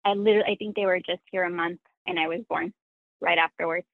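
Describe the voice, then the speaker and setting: Lowish and creaky, her voice moves at a quick pace with fairly even intonation, recorded dry over a tinny phone line. She's a sewing content creator, a native Spanish speaker, appearing as an interview guest and speaking in an earnest, reflective, self-critical manner.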